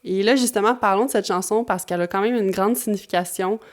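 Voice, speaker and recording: A woman with a Québécois French accent narrates her vlog in a relaxed, conversational way. She drops casual slang asides as she goes, and her voice sits at an ordinary mid pitch. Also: fast talker. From Quebec. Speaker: YouTuber host.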